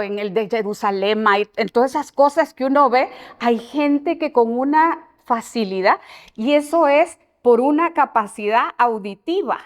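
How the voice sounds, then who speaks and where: An older woman, an educator giving an informal talk to parents and explaining with everyday examples. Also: fairly high pitch.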